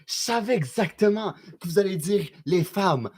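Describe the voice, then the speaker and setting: A man's voice: high voice, animated, a little mellow, husky. Slangy Québécois man streaming live. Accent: Québécois French. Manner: loose and slangy, lots of quick restarts. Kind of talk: casual live-stream chat answering viewers.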